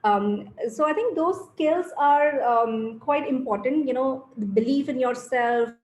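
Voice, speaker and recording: A woman's voice: high-pitched, measured pace, darkish tone, reverberant. A woman with an Indian English accent, speaking as a panelist on a virtual panel discussion in a thoughtful way, with many fillers. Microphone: video call.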